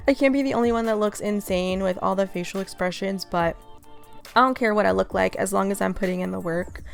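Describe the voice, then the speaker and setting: A young fitness vlogger with a medium-pitched, creaky voice talks fairly quickly in a gym vlog. She's upbeat, speaks straight to her viewers, and is a little out of breath after her workout, with faint music behind her.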